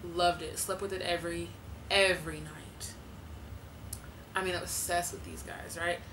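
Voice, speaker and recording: A woman in her twenties, a vlogger, chats casually to camera from her living room with lots of fillers and laughs. Her lowish voice is unhurried with little pitch movement, and background noise is present.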